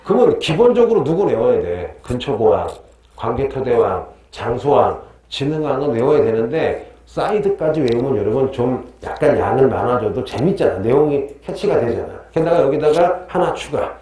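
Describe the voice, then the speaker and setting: Animated male history teacher quizzing students. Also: mid-range voice, normal speed, reverberant. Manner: quizzes students, jokes and laughs often. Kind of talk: lively classroom lecture with student banter. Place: classroom.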